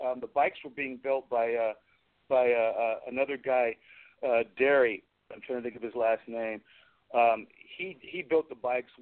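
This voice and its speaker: Over a tinny phone line, a middle-aged special effects craftsman gives a radio interview in a mid-range, steady voice at normal speed. He's chatty, telling anecdotes and acting out conversations in quoted dialogue.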